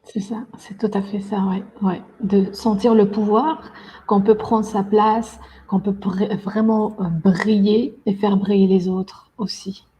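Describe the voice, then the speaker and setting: A woman's voice: mid-range voice, little pitch movement, slow, warm tone, poor audio. A woman, a guest on a podcast, talking at length with frequent hesitations and fillers. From Belgium. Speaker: guest, event organizer. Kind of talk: podcast interview.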